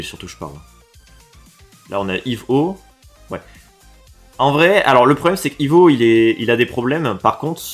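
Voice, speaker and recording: This lower-pitched Frenchman comments on game levels in relaxed streamer style. His animated delivery slides from soft muttering to loud, thrilled outbursts full of swearing, while faint music sits beneath him.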